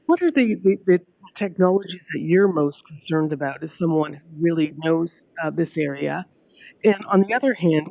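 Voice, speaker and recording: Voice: mid-range voice, gravelly, a little mellow, no room sound, poor audio. A panel moderator posing long, layered questions to an expert guest.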